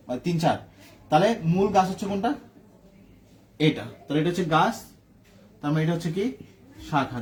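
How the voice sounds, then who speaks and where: A man's voice: high-pitched, darkish tone. A man teaching chemistry in a classroom lecture, asking questions and answering them himself. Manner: asks questions and answers them himself, checking "ঠিক আছে?".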